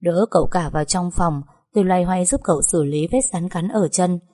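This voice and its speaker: A young woman narrating a story in the first person, lively and chatty. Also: on the low side, normal speed.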